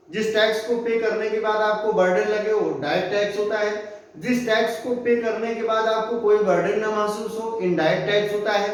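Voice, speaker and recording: A male teacher giving a classroom lecture, repeating key terms and mixing English definitions into his explanation. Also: sits high. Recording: echoey room from far off.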